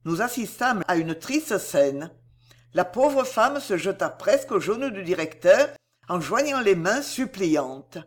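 A narrator reading a classic novel aloud with expressive delivery. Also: mid-range voice, unhurried.

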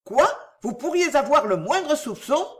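A frightened young woman pleads in a raised, urgent voice that swings through a wide, lively range, as a woman reader puts her on. Her lines sound anxious and breathless with alarm, set in a read-aloud story. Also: high-pitched, measured pace, pitched above the performer's own voice. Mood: distressed.

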